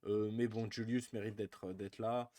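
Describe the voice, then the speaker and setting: A man co-hosting a live basketball chat show, relaxed and full of fillers as he runs through rankings. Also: lowish voice, measured pace, crowd noise. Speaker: podcast co-host.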